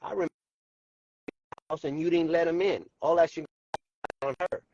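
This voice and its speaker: A man's voice: on the high side, steady tone, brisk, a little mellow, a little hiss or hum. A man speaking bluntly and profanely as a guest in a casual group chat, heard over a remote call whose connection keeps breaking up and dropping his words. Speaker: podcast panel guest. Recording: dull dry remote call audio.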